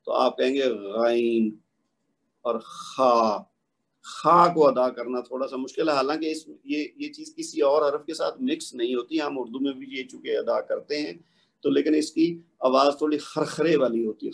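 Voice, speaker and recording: A man teaching a tajweed lesson, explaining patiently and slowly demonstrating each letter sound. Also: medium pitch, gravelly, slightly rough. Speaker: Quran recitation teacher.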